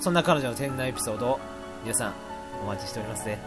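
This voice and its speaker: A man hosting a casual radio show, reading listener mail and rambling between laughs and quick impressions. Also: medium pitch, animated, music in the background.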